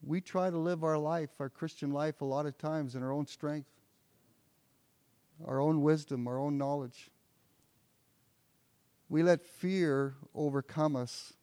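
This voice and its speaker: A man's voice: on the high side, fairly even intonation, measured pace, long pauses, warm tone, no room sound. A pastor preaching an earnest sermon, often repeating words as he builds toward a point.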